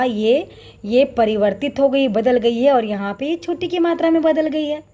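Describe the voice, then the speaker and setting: Woman teacher, slightly high mellow voice, patient step-by-step explaining to young kids. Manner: patient, explains slowly, often addresses children. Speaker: primary school teacher. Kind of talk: recorded classroom lesson for children. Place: Chhattisgarh, India.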